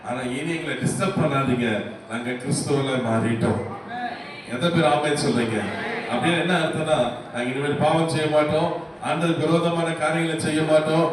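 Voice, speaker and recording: A man preaching a baptism sermon, asking rhetorical questions and urging the congregation to answer aloud. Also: on the high side. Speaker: pastor. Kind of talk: call-and-response baptism sermon. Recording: very echoey hall, voice from a distance, faint noise.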